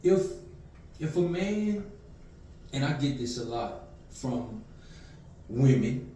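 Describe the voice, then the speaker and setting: A man's voice: medium pitch, takes it slowly. Reflective man in his fifties, echoey room. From Louisiana. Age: 50s. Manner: calm, reflective, many "you know"s. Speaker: guest. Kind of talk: casual interview. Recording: echoey room, distant mic, faint noise.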